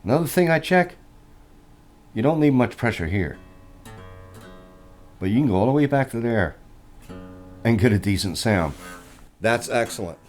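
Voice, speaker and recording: A man's voice: mid-range voice, expressive, moderate pace, pauses often. A man casually walking through a guitar inspection in a plainspoken, folksy way, explaining each check step by step. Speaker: guitar reviewer. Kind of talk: casual hands-on product walkthrough.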